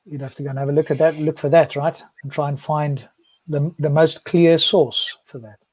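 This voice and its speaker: A man co-hosting a panel discussion, his voice sitting a little high for a man. He talks in a loose, chatty way and keeps asking "right?" to check the others are with him. The sound is dry and close, with no room around it. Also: steady tone, moderate pace, a little mellow, dry recording. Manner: chatty, ends points with "right?". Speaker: podcast co-host.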